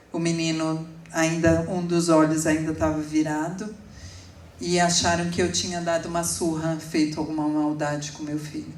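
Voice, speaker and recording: Low-voiced woman preaching in echoey church. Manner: slow, emotional storytelling with sudden emphatic rises. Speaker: preacher giving testimony. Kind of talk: sermon testimony. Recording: echoey room, speaker far from mic.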